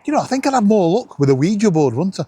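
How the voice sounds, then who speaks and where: Out on a seafront promenade at night, a Northern English vlog host chats animatedly and makes self-deprecating jokes in a husky voice. He talks fast in a high register, and the camera hanging around his neck gives a dry recording.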